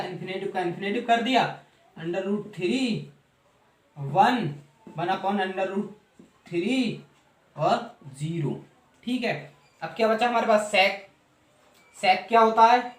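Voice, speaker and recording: A man teaching mathematics in Hindi, walking through a table step by step, asking questions and answering them himself. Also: high-pitched. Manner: asks and answers his own questions, repeats steps. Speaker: math teacher. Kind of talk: classroom explanation of a trig table. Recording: echoey room.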